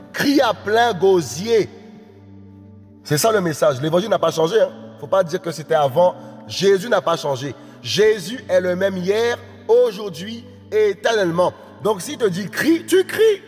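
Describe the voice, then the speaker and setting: A man preaching an evangelical sermon, often asking his listeners if they understand, dropping low and soft at phrase ends and rising to impassioned shouts. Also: big-room sound. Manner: repeats "tu comprends?" often, drops low and quiet at phrase ends; rises to impassioned high shouts, speaking in tongues.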